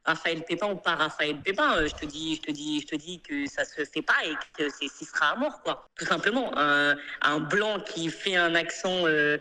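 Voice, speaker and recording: A woman's voice: low-pitched, moderate pace, few pauses, pushed and bright, a little hiss or hum. A woman calling into a stream, direct and laughing, giving blunt opinions. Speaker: guest on a call. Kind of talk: casual call chat.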